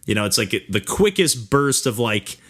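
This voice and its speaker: A man's voice: medium pitch, big pitch swings, moderate pace, a bit bright. A man hosting a casual podcast, talking in a rambling way full of "like" and "you know". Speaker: podcast host. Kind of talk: casual chat about video games.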